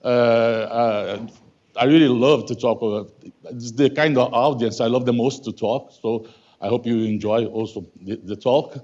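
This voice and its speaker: A Brazilian guest lecturer in his fifties, a native Portuguese speaker with a Brazilian Portuguese accent, gives a halting academic talk in a lecture hall, full of self-corrections and "okay?". His voice is medium-pitched, a little mellow and fairly even in intonation, and the recording is muffled.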